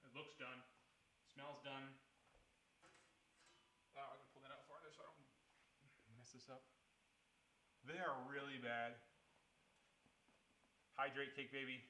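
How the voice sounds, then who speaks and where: Streamer, man, casual kitchen chatter, very bright tone, quick to laugh. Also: mid-range voice, level tone, roomy sound, slight background noise. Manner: joking, chatty, laughs often. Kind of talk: casual cooking livestream chat.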